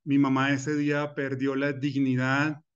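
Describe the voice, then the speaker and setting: The Colombian finance teacher's mid-range voice comes across clear and resonant but monotone, delivered unhurriedly. He speaks earnestly and personally in his recorded masterclass, using "eh" fillers and restarts, while the recording cuts off the highs.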